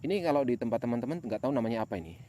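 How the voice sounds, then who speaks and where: A man's voice: medium pitch, lively intonation, racing, dark tone. A man narrating a casual exploration vlog as he walks, with uneasy, pious asides. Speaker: host of a night exploration vlog. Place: outdoors in an overgrown plantation at night. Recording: clearly noisy outdoor night recording. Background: night animal and nature sounds.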